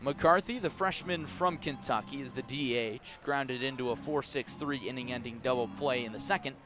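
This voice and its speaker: A medium-pitched male voice at normal speed is heard over music. It's a live radio broadcast from an outdoor ballpark, where he gives baseball play-by-play, alternating short calls with relaxed asides.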